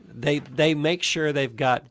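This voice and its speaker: A man's voice: a little high, fairly even intonation, slow, fairly bright tone. A man co-hosting a radio show, stuffy from a cold, joking dryly and hesitating with fillers. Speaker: radio co-host. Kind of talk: casual radio chat.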